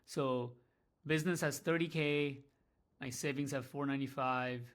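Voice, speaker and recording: A man's voice: mid-range voice, steady tone, normal speed. A man talking candidly in a casual vlog about his small business, rambling, swearing and running himself down. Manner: rambling, candid, profane, self-deprecating. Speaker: small business owner vlogging.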